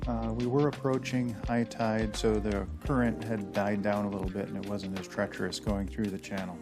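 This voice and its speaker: A man's voice: lowish voice, flat delivery, normal speed, music in the background. A man narrating his sailing vlog at home, chatty and rambling with plenty of fillers and self-deprecating asides. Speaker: sailing channel host. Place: house full of dogs.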